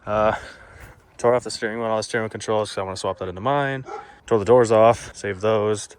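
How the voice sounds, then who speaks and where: A man's voice: lowish voice, steady tone, a little fast, slight background noise. A young man casually narrating his truck project on a propped-up phone, rambling and self-deprecating as he works. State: out of breath at times. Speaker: DIY truck vlogger. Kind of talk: casual vlog narration while working. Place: backyard and workshop, indoors and out. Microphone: phone camera propped up nearby.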